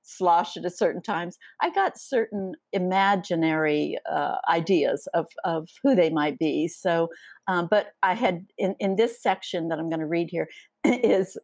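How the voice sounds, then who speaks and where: A woman's voice: lowish voice, measured pace, darkish tone, dry recording. A woman author reading her own essays aloud and talking about them in an interview, reflective and a little hesitant.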